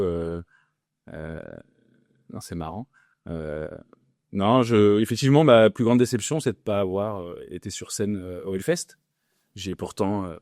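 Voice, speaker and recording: A man's voice: lowish voice, dry recording, studio quality. A man of forty, a podcast guest, answering in casual talk with many fillers and restarts. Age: 40s. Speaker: podcast guest, entrepreneur and investor.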